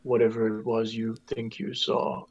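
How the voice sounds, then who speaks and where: A man playing an eerie, calm masked metal-band chieftain, speaking formally in a measured way and dropping into sinister whispers. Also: fairly low pitch, slightly rough, highs cut off. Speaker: band member in persona.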